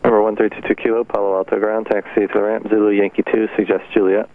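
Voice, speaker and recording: A man's voice: fairly low pitch, flat delivery, fast, phone-quality sound. A man working as a ground air traffic controller, giving taxi instructions over a radio. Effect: radio transmission. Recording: thin band-limited radio, faint static.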